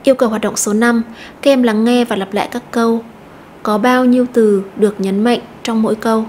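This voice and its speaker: A woman teacher explaining an English lesson step by step, slowly repeating each word to stress. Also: on the high side, steady tone, a little mellow, a little hiss or hum. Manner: methodical, repeats words slowly.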